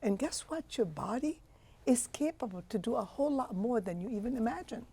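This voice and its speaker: Animated and fairly quick, a woman with a high-leaning, mellow voice and vocal fry answers an interviewer's questions, with a little hiss or hum on the audio. She is a physician from Egypt in her sixties, and her phrasing is passionate and emphatic.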